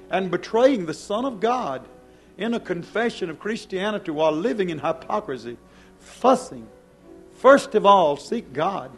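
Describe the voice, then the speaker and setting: A male church pastor with a high-pitched voice preaches a fiery hellfire sermon to his congregation during a service, faint music playing underneath. He is stern and accusing, firing off repeated rhetorical questions, and his emphatic delivery swings widely between hushed and loud.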